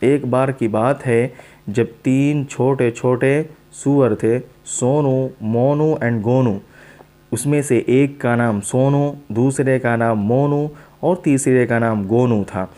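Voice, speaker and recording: Slow-talking man teaching English in Hindi. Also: mid-range voice, fairly even intonation, dark tone. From South Asia. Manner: slow, repetitive, explains each word in turn.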